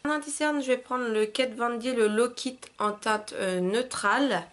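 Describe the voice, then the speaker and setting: A woman vlogger chatting casually through a makeup tutorial, with loose fillers and soft, half-muttered asides while she works. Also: on the high side, moderate pace. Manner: chatty, loose, with frequent "euh", "hop" and "voilà". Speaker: beauty vlogger.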